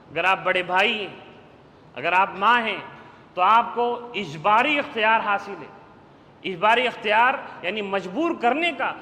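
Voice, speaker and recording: A man preaching a sermon with forceful exhortation, now and then reciting verses in Arabic. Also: high-pitched. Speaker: maulana preacher. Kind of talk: Urdu sermon. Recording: hall reverb with faint background noise.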